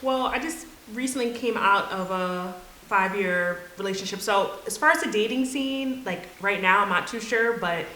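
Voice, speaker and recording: A woman in her thirties, a roundtable guest, giving relaxed opinions with frequent "like". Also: medium pitch, moderate pace. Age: 30s. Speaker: panel guest. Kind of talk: casual roundtable chat. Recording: echoey room with faint hiss.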